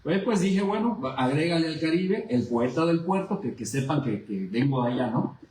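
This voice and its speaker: A man's voice: fairly high pitch, lively intonation, normal speed, a little mellow, echoey room, a little hiss or hum, low-quality recording. A man, a poet being interviewed, reminiscing and often repeating words as he searches for them, then reciting a poem. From Veracruz, Mexico. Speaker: poet and guest. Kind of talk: conversational interview, poetry recital.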